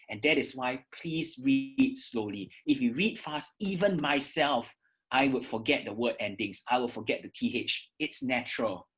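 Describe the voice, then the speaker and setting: This is an instructional lesson from a Singaporean teacher who prepares students for English oral exams, demonstrating how to read aloud. The voice is medium-pitched and a bit bright, each word enunciated with deliberate emphasis, and she keeps checking in with "okay" and "right".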